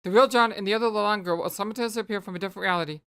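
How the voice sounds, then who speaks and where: A woman's voice: medium pitch, very fast, a bit bright, smooth, lightly acted. A woman voicing a dry, witty young know-it-all who explains things articulately. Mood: wry. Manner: articulate, wry.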